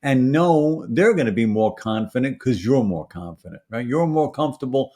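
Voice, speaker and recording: A man's voice: mid-range voice, lively intonation, normal speed, warm tone. A man with a Brooklyn accent gives a conversational expert explanation in an emphatic, teacherly way, often checking in with short tag questions. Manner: emphatic teacherly delivery with frequent tag questions like "right" and "okay". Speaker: dental pharmacology expert guest.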